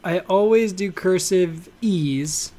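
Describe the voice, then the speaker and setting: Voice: mid-range voice, takes it slowly, mellow. A podcast co-host in easygoing casual chat, laughing along with the others.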